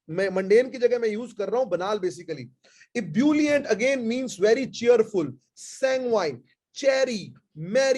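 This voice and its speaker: A man with an Indian accent leads a live online vocabulary class, trading Hindi and English. His voice sits high for a man, and he stretches out and repeats each key word at an unhurried pace. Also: darkish tone. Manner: switches between Hindi and English, repeats key words slowly.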